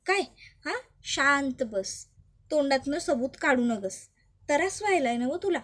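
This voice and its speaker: A scheming older village mother-in-law, as a woman reads her lines in a serial recap, high-pitched and fussing in rustic speech. Her voice sits high and can rise to calling out. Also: expressive, a little slow, fairly bright tone.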